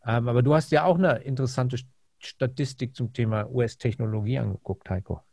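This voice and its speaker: Man, dark mellow tone, halting conversational commentary, repeated words, dry close recording. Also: medium pitch, vocal fry, no echo. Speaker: finance podcast co-host.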